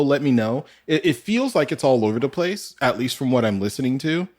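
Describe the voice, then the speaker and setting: Guy reacting to clips, laughing and cussing, voice jumps up and down a ton. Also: fairly high pitch. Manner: laughs often and swears freely. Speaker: reaction video host. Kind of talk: casual reaction commentary.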